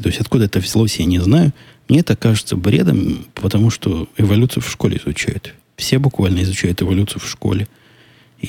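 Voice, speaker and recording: Answering listener questions alone on his podcast, a man with a deep, warm, slightly rough voice muses in a relaxed way. He's often skeptical and tends to restart his sentences, and the recording carries no room sound.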